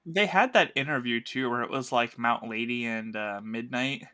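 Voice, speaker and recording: Bright, animated male podcast co-host. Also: medium pitch, normal speed. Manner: animated, laughing, acts out quotes. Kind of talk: casual chat.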